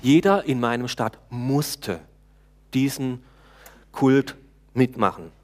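A male preacher delivering a sermon with a relaxed, talking-to-the-congregation manner. He hesitates now and then, restarts a phrase, and puts questions to his listeners. His voice sits at an ordinary middle pitch for a man. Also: takes it slowly. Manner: conversational preaching, talks to the congregation, frequent hesitations.

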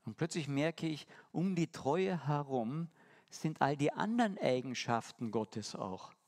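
Male preacher, voice a touch high, animated sermon delivery with direct questions to the listeners. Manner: lively, shifting between quick asides and slow emphatic lines; addresses the congregation directly with rhetorical questions.

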